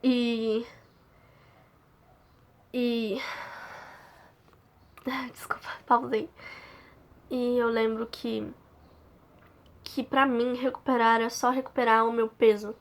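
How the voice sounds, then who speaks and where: A young woman from Brazil earnestly tells a personal story to camera, halting and restarting as she goes. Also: a little high, level tone. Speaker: channel host.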